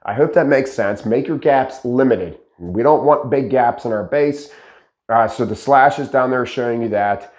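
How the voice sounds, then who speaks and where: Teaching pallet building to camera in a dark indoor studio with a green screen, an animated host gestures a lot and asks rhetorical questions in a casual instructional style. His slightly raspy, mid-range voice moves at a moderate pace, picked up by a lapel mic in an echoey room.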